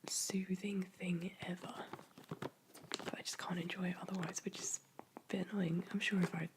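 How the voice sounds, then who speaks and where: A woman whispering softly and caringly in an ASMR chat, her throat sore and dry from a cold. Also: fairly low pitch, little pitch movement, normal speed, noisy background. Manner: soft, intimate, caring whisper. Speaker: ASMR creator. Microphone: close microphone.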